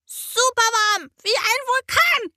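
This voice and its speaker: A woman voicing an angry little girl fox with a high, shrill voice in a children's story. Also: slow pace, bright, forceful tone, no room sound, clean studio sound, exaggerated voice. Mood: furious.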